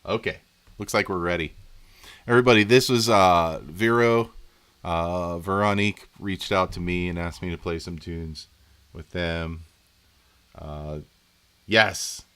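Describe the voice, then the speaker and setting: A man with a deep, low voice chats casually on a live stream from home. He rambles in a friendly, folksy way and talks straight to his viewers. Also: little pitch movement, measured pace, a bit bright, clear, resonant tone.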